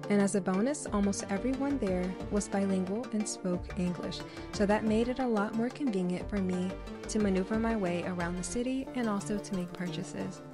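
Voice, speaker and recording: A woman's voice: medium pitch, normal speed. Chatty woman vlogger, light music behind. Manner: chatty, informal narration. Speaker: travel vlogger. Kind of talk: travel vlog voice-over.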